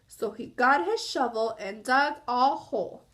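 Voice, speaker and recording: A woman reads a story aloud for young children in a high, very animated voice, taking her time, explaining as she goes and asking her listeners questions.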